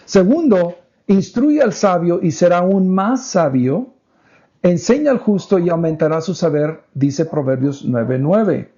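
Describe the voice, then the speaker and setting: A man's voice: sits high, animated, unhurried, dark tone. A man co-hosting a faith-based parenting podcast, speaking in an earnest, teaching way and slipping English words into his talk. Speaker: podcast co-host. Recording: dull lo-fi podcast audio.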